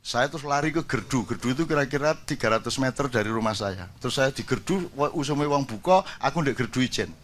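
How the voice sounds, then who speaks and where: A man's voice: medium pitch, lively intonation, brisk, hardly any pauses, slight background noise. An older man, telling jokey stories in a casual sermon to a gathering. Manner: jokey storytelling, switches into Javanese. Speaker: preacher.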